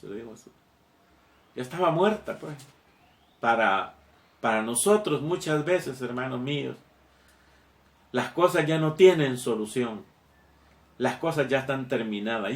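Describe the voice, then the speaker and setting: A man preaching a sermon, talking slowly and haltingly, with many fillers and repeated words. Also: medium pitch, reverberant.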